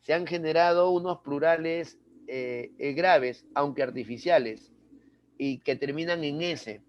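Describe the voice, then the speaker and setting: A man's voice: a little high, a little slow, dry recording. A man teaching a grammar lesson to a class, explaining step by step and often checking with questions like "right?". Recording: dry, dull lo-fi sound.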